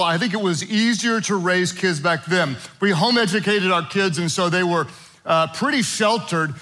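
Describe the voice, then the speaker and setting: A man's voice: high-pitched, rough recording. A middle-aged man preaching a sermon to a church congregation, telling family stories with playful humor. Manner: animated storytelling with playful humor. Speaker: pastor. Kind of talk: sermon to a live and online congregation.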